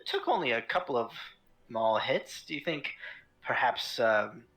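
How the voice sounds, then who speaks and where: A tabletop player speaks in character in a polite, wry way, taking it slowly and hesitating often. The pitch rises and falls a great deal. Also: sing-song, fairly bright tone, low-quality recording.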